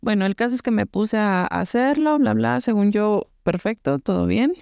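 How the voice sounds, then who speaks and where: A Mexican woman co-hosting a podcast, telling a story in casual chat with lots of slang and an animated manner. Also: medium pitch, normal speed, gravelly, smooth, dry recording, clean studio sound. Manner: animated, slangy, acts out voices in anecdotes. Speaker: podcast co-host.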